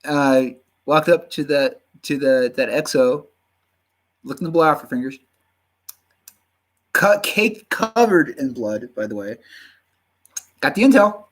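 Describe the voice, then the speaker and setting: Slow, halting man with a Southern drawl. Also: on the high side, animated, rough recording. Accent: slight Southern drawl. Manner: halting, full of fillers and restarts. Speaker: livestreamer. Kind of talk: casual rambling chat.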